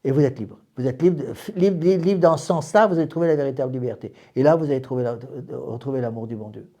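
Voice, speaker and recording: A man's voice: medium pitch, fast, warm tone. A man, a priest, giving a doctrinal class to a small group in an emphatic way, often repeating words and restarting phrases.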